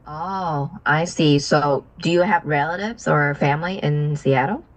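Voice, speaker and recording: A young Vietnamese woman chats casually with a business partner over a video call, sounding friendly as she asks questions, using fillers and laughing softly. Her voice is deep and unhurried, and the audio quality is poor.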